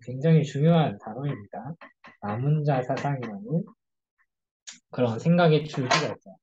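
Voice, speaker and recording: A church youth group leader teaching a casual Bible study lecture, telling stories in an animated way and acting out quoted speech. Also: medium pitch, moderate pace, lo-fi sound, slight background noise.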